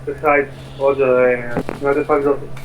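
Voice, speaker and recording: A man on a pilot's cockpit headset radio, making halting calls to air traffic control with many pauses. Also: medium pitch, level tone. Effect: pilot's cockpit headset radio transmission.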